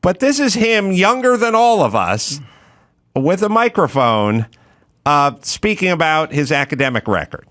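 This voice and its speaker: A man's voice: fairly high pitch, big pitch swings, unhurried, fairly bright tone. A man in his fifties hosting a podcast interview, talking in a sardonic, emphatic way. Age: 50s. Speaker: podcast host. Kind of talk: conversational interview.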